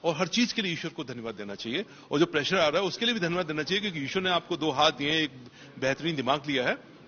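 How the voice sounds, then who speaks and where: A man's voice: on the high side, lively intonation, fast talker, bright, forceful tone, dull audio. A man, a police officer, answering interview questions in an emphatic motivational way and repeating key phrases for stress.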